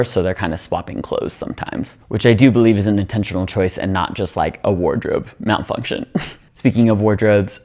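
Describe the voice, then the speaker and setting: A man's voice: lowish voice, a little mellow. A man giving a casual, chatty video commentary on a TV show, thinking aloud and peppering his talk with "like". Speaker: TV show reviewer.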